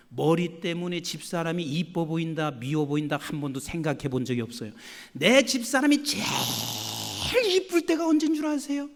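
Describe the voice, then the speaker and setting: A man's voice: fairly high pitch, gravelly. Male pastor preaching, lots of storytelling, really echoey hall. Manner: animated storytelling with acted quotes. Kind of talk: sermon. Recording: long church hall reverb.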